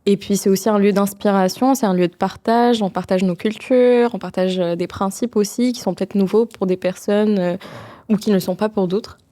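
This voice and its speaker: A woman's voice: medium pitch, fairly even intonation, normal speed, warm tone. A young woman, a student answering interview questions fluently. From Montréal, Canada. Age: 20s.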